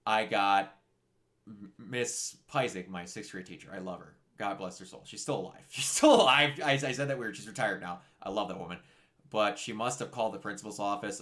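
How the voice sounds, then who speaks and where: A young man talking casually on a game stream, halting with many restarts. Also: low voice, gravelly, a bit bright.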